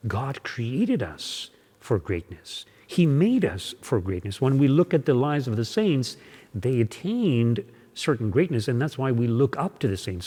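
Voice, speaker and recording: Priest preaching in a reverberant church. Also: male voice, medium pitch, dark tone, breathy edge. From born in Hungary, raised in Canada. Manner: measured preaching, slowing on key words. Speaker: parish priest. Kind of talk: Sunday homily.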